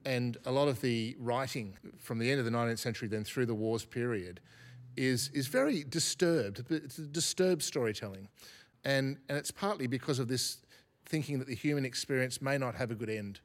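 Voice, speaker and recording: A man talks through ideas in a relaxed interview. He sounds reflective and unhurried, often circling back and restarting his sentences as he thinks aloud. His voice sits at a middle pitch. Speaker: academic guest. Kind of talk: thoughtful podcast interview.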